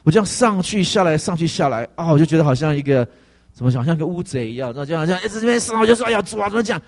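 Fast-talking pastor guy, kinda high voice, telling his testimony all animated and chatty. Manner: animated, conversational, with frequent fillers. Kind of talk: testimony sermon storytelling.

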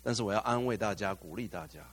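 A man's voice: on the low side, quick pace. A male pastor preaching a sermon, putting questions to the congregation, slipping in English phrases and rising to fervent exclamations.

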